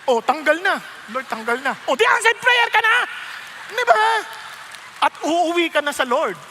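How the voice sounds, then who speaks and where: Pastor, male, Filipino accent, high bright voice, lively joking sermon delivery, reverberant hall. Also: normal speed, a little hiss or hum. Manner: animated, playful, acts out quoted voices, mixes English phrases.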